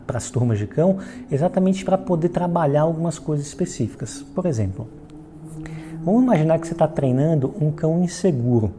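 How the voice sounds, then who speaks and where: This Brazilian man from Salvador, Bahia, founded a franchise and answers questions in an explanatory, didactic style, often checking in with his listeners. He has a fairly high voice with a dark tone, and there's slight background noise.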